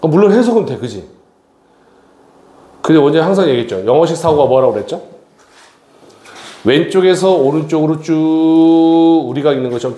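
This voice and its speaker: A man's voice: a little high, dark tone. A middle-aged man teaching an English grammar lesson in a classroom, constantly addressing his students and checking with tag questions. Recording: echoey classroom.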